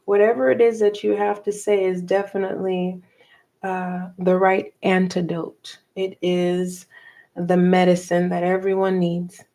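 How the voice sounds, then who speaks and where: A middle-aged woman giving a tarot reading for viewers, talking softly and slowly and pausing as she reads the cards aloud. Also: lowish voice, little pitch movement. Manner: slow, soft and meditative, reading cards aloud with pauses. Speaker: tarot reader.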